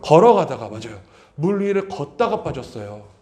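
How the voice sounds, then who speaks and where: Earnest pastor preaching in an echoing church. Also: male voice, on the high side, very animated, normal speed, darkish tone. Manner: earnest, repeats key phrases, addresses congregation directly. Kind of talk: Sunday sermon with scripture reading. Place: church sanctuary. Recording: roomy church echo.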